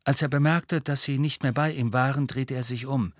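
A man reads a story aloud in a steady, measured narrating voice of middle pitch. The sound is close and dry, with no room around it. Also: dry recording. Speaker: audiobook narrator. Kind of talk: scripted narration.

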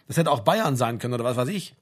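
A gruff sergeant major barks and teases in a husky, raised voice, as a male audiobook narrator puts him on. His delivery is lively and brusque, talking down to the young soldier. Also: medium pitch, fast talker. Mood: bossy. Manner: brusque, teasing, talks down. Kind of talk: audiobook reading.

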